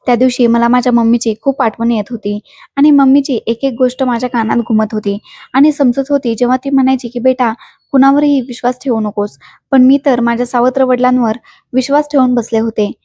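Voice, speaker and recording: A woman narrates a first-person story in a steady, dramatic read. Her voice sits fairly high yet sounds mellow and warm. The recording is close and dry, with no room echo.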